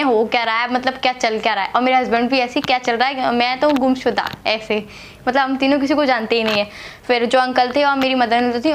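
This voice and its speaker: In a high-pitched voice with a little hiss or hum in the background, a young woman vlogger from Agra, India, tells how her marriage came about. She talks chattily to camera, repeating herself and leaning on fillers.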